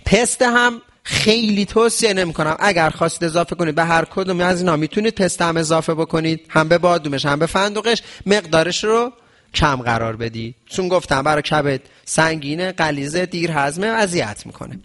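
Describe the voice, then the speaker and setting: Guy with a pretty high voice teaching about fasting food, keeps asking himself questions then answering. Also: a bit bright. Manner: asks and answers his own questions. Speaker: traditional medicine teacher. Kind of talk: religious health lesson.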